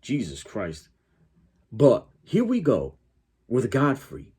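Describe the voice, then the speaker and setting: His medium-pitched voice swoops wildly and moves slowly, warm in tone, with a little hiss or hum in the recording. He's a YouTube reaction host from Connecticut, United States, speaking with a southwestern Connecticut accent close to New York's, rambling through casual opinions and stammering as he self-corrects.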